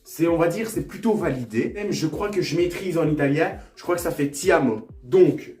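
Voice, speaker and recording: A young man with a fairly high, slightly mellow voice vlogs casually at a normal speed, trying out phrases from a language app. Playful and self-mocking, he jokes at his own expense and repeats phrases over and over, in an echoey room with faint music.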